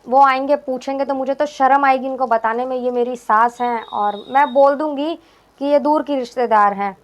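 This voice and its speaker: A scornful daughter-in-law, read by a woman storyteller, scolding in a high, dismissive voice. She talks down to the old woman in an everyday tone rather than a big acted voice. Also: steady tone, normal speed, lightly acted.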